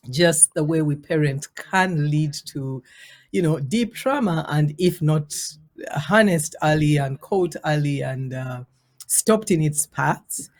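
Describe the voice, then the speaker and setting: A woman's voice: sits low, a little mellow. A woman in her forties, raised in Uganda, speaking earnestly and reflectively as an interview guest about parenting, drawing out words for emphasis. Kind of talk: conversational interview storytelling.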